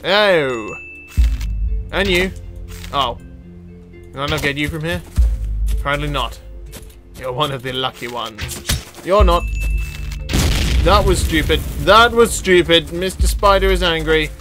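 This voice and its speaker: This man's voice runs on the high side, and he speaks expressively, taking his time and pausing often. Over background music, he hosts a gaming video, cracking self-deprecating jokes, exclaiming, and addressing the characters on screen.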